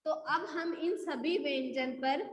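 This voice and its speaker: A woman's voice: high voice, slow, a little hiss or hum. A woman Hindi teacher giving a classroom lesson, asking each question and answering it herself, calling her students beta. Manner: addresses students fondly as beta. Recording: echoey room with long reverb.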